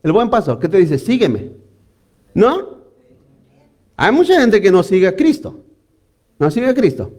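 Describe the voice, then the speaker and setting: Man, very high voice, sermon, animated, addresses congregation. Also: normal speed, long pauses. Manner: animated preaching with frequent audience prompts. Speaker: preacher.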